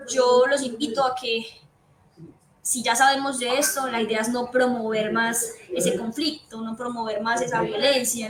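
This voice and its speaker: A woman psychiatrist, giving an earnest, explanatory talk to patients' families and repeating her key points. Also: fairly high pitch. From Colombia. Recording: echoey room with faint background noise.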